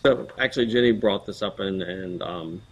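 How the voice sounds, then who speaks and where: A man's voice: fairly low pitch, moderate pace, a little hiss or hum, low-quality recording. A man chairing a board meeting, running through agenda items in a procedural way with frequent ums.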